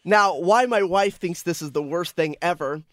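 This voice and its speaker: Animated man telling a funny story. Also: high-pitched, moderate pace, no echo. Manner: animated storytelling, mimics his toddler. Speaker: radio show co-host. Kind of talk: casual radio banter.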